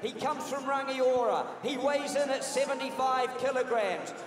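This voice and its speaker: A man with a New Zealand accent announcing a boxing bout with drawn-out showman calls. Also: very high-pitched. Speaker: ring announcer. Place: large indoor arena, over PA. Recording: echoey arena PA from far off, crowd noise.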